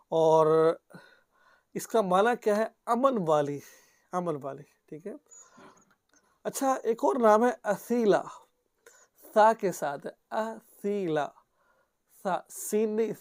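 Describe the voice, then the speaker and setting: A man's voice: high-pitched, no room sound, studio quality. Earnest man carefully teaching names. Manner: repeats each word slowly for pronunciation, often asks "okay?"; gently advising, earnest. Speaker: Islamic cleric teaching baby names. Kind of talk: religious teaching video.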